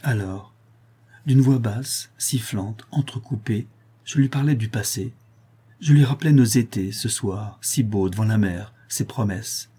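A male narrator reads a literary novel aloud in a measured, expressive way. His voice sits low and sounds mellow and slightly husky. The reading is steady and literary.

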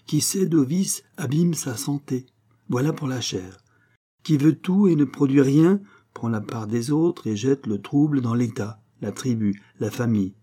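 A man's voice: mid-range voice, lively intonation, measured pace, dark tone. A preachy young angel, as a man puts him on. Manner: solemn, sermonizing delivery. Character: young male angel messenger, eloquent and preachy.

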